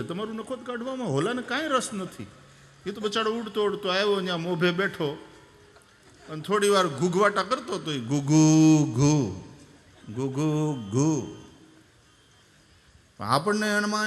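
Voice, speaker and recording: A man's voice: high voice, pushed and bright. A man with a Saurashtra Gujarati accent giving a devotional discourse, telling stories, imitating sounds and breaking into song. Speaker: Bhagavata Katha preacher. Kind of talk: devotional discourse with sung bhajan. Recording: hall reverb with faint music.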